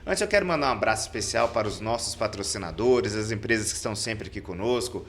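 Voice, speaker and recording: A man's voice: lowish voice, animated, fast, fairly bright tone, a little hiss or hum. Male podcast host, upbeat announcer manner, introduces guest and reads sponsors. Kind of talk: podcast interview.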